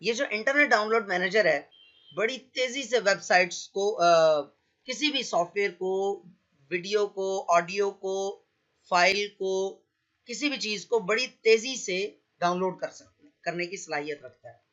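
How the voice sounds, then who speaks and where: A man's voice: high voice, a little slow, a bit bright, lo-fi sound. Man teaching a computer class. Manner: explains step by step, often says "acha ji". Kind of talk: screen-share tutorial.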